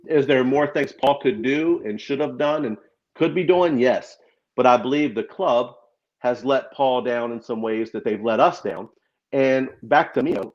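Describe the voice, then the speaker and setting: Man on a crackling, distorted mic. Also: mid-range voice. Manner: emphatic and opinionated. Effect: crackling, distorted earphone mic. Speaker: fan panelist on a live show. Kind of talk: opinionated live panel discussion. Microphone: earphone headset mic. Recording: dull, crackling lo-fi mic sound.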